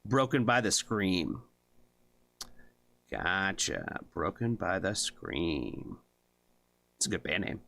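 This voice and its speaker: Low-pitched yet wildly swooping, his gravelly voice comes out slow, pushed and bright, with long pauses and a little hiss or hum on the recording. He hosts a music reaction livestream, laid-back and rambling, full of fillers, swearing freely and asking "you know what I mean?"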